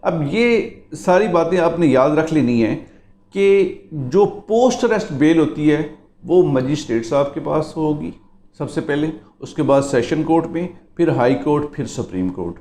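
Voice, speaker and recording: A man's voice: on the high side, animated, unhurried, warm tone, echoey room. A male lawyer gives a lecture on the law, explaining it step by step and often telling listeners to remember each point. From Pakistan. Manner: explanatory, keeps repeating "remember". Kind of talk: legal lecture.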